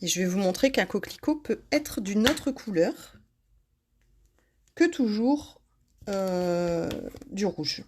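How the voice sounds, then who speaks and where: A woman's voice: mid-range voice, lively intonation, slow pace, pauses often, darkish tone, a little hiss or hum. A woman hosting a casual craft tutorial, chatting to her viewers by name and laughing at herself.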